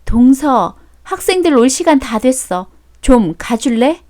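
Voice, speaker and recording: Woman playing a prim sister-in-law, soft, polite, slightly high voice. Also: sing-song, measured pace. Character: prim, sweet-talking older sister-in-law.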